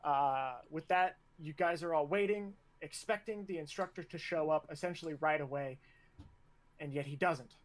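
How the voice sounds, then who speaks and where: A man's voice: fairly high pitch, normal speed. A man narrating a tabletop game as game master, casual and laughing, with plenty of fillers.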